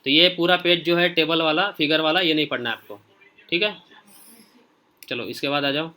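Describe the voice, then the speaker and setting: A man leads a casual online lesson with a bright, forceful voice. He talks straight to his students and checks in often as he moves through the pages. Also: a little high, moderate pace. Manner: informal, repeats "okay" often while scrolling through pages; speaks directly to students. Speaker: teacher. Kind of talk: casual screen-share lesson.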